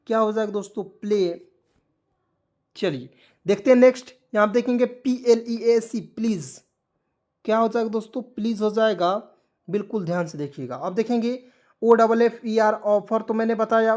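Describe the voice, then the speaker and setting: A man's voice: sits high, darkish tone. Guy running a spelling lesson, keeps asking "what'll we read", chatty pep talks in between. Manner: repetitive, coaxing, keeps asking what it reads as; motivational asides, addresses viewers as friends. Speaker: English teacher. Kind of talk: blackboard lesson explaining spelling and pronunciation.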